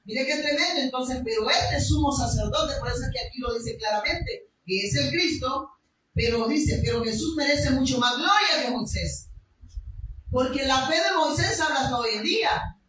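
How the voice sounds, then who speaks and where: High-voiced woman preaching in an echoey room. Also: moderate pace, a bit bright, a little hiss or hum. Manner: emphatic, with rhetorical questions and raised passages. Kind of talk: sermon with Bible reading. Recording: echoey room, mic far off.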